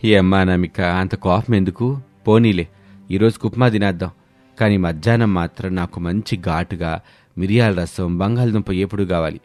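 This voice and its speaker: A man's voice: deep voice, normal speed, a little mellow, dry recording, faint music behind, close to an everyday voice. Man voicing an easygoing older father-in-law. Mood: coaxing. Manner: coaxing, easygoing. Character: older father-in-law, greedy for spicy food.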